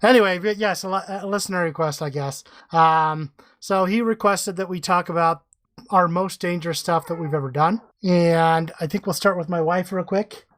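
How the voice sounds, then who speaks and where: Relaxed man hosting a podcast. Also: high-pitched, normal speed. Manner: relaxed, rambling with ums. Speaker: podcast host. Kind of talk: casual group chat.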